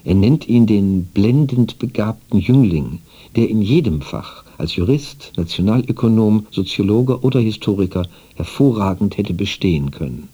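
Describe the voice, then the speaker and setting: A man narrating a scripted radio feature in an even, formal, literary manner. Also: fairly low pitch, moderate pace, slightly rough, highs cut off.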